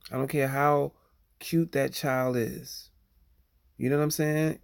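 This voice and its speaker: A livestreamer with a middle-pitched, gravelly, creaky voice talks slowly and steadily straight to his viewers in a loose, rambling monologue. He's full of fillers and restarts and keeps asking "you know what I'm saying?"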